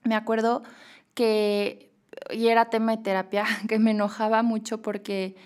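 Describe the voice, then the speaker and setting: A young adult woman with a Mexican Spanish accent talks through a casual podcast monologue. She is chatty and animated as a psychologist host. Her quoted dialogue jumps up in pitch. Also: a little slow, clean tone.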